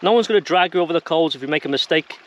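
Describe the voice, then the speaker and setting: This man's pitch is fairly high and he speaks at a racing clip. He's casually explaining a how-to to his viewers in straightforward, chatty language.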